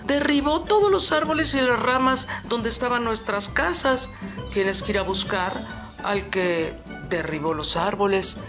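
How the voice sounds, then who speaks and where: A woman voicing small anxious birds in a children's folk tale, pleading innocence in an excitable way. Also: a little high, measured pace, music in the background.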